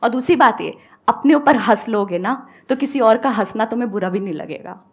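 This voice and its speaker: A woman with an Indian accent giving an animated motivational talk on speaking English, mixing Hindi and English. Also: a little high, a little fast, husky. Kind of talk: motivational talk with audience questions.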